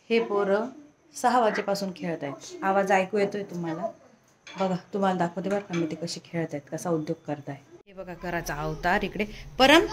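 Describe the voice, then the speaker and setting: A young woman, a mother talking casually to her children and her viewers, coaxing and playfully scolding. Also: medium pitch. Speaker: vlogger, mother. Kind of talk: casual family vlog chat. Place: home, in and out of doors. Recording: noisy home phone recording.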